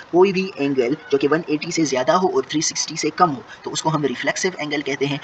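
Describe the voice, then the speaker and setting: Man solving a test paper. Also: mid-range voice. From Pakistan. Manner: reads each question in English, then explains in Urdu; self-correcting, with frequent "sorry" and fillers. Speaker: exam prep teacher. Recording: distant, muffled mic with audible noise.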